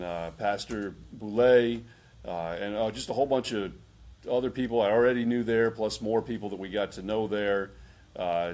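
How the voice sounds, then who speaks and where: A man from New York with a fairly low voice talks through his time as a visiting pastor. He is earnest and measured, with hesitant fillers, in a relaxed interview. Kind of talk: casual interview talk.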